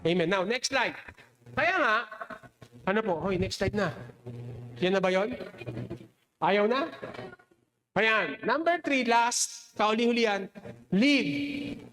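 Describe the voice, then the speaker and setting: A pastor preaches a sermon in a high, animated, fairly bright voice, speaking slowly with long pauses over a little hiss or hum. He tells a personal story in Tagalog mixed with English, laughing often and raising his voice when he acts out an argument.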